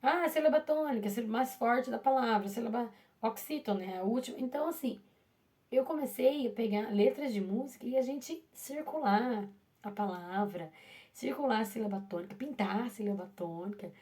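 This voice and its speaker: A woman's voice: fairly high pitch, brisk, darkish tone. A woman who teaches primary school, telling her classroom story in a chatty, casual way full of restarts and asides to her listeners.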